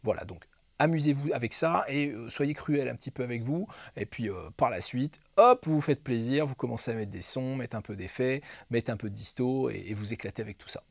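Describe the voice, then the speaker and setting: A man's voice: mid-range voice, animated, fairly quick, creaky, no echo. A man giving a guitar lesson, explaining exercises and counting beats aloud as he demonstrates them. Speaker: guitar teacher. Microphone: close mic aimed at him. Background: clean electric guitar playing.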